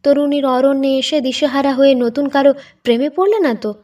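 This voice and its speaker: A woman voicing a lively, bossy young woman who teases and pushes others along, in a spoken storybook reading. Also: sits high, far from the mic, close to an everyday voice. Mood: eager, teasing. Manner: eager, teasing, quick to push.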